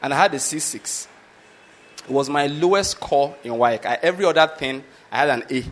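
Speaking a little fast with a slightly high, fairly bright voice, this Yoruba-speaking medical lecturer from Nigeria has a Nigerian accent. His casual story is full of chuckles and rhetorical questions such as "you understand my point?"

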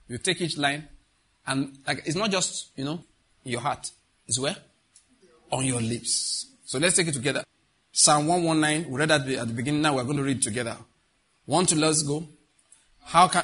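A man's voice: fairly high pitch, fairly bright tone, breathy edge. A middle-aged man preaching a sermon as pastor, emphatic, repeating key phrases and putting questions to the congregation.

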